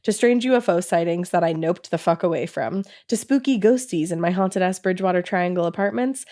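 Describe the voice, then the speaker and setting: A woman's voice: fairly low pitch, fairly quick. Profane, laughing woman podcast host. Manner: animated, profane, laughs through reading. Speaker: podcast co-host reading listener stories. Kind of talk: casual podcast reading with banter.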